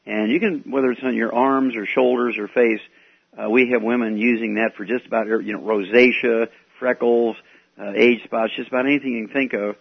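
A man hosting a call-in health advice radio show, talking in an unhurried way with many "uh" fillers, taped off the radio. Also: medium pitch, fairly even intonation, creaky, slightly rough. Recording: dull lo-fi radio tape with faint music.

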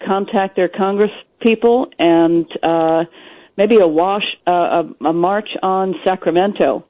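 An American woman speaks casually as a guest on a radio show. Her mid-pitched voice is halting and repeats words, and it sounds muffled over a telephone line. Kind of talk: casual conversation. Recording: muffled narrow phone line.

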